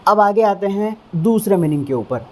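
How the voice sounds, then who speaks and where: A man teaching English vocabulary in Hindi, explaining patiently and drilling each word with slow repetitions. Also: high-pitched, animated, a little hiss or hum.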